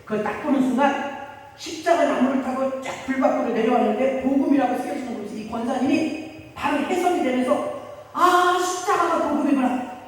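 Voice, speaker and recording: A woman pastor telling a story in a sermon, animated and acting out the quotes, in a church sanctuary. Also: high voice, fairly quick. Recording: echoey hall from far off.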